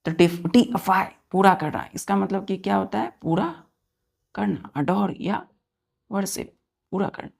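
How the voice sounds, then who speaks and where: A woman's voice: mid-range voice, lively intonation, unhurried, gravelly, a little mellow, breathy edge. A woman teacher giving a vocabulary lesson, spelling words out letter by letter and asking questions of her students.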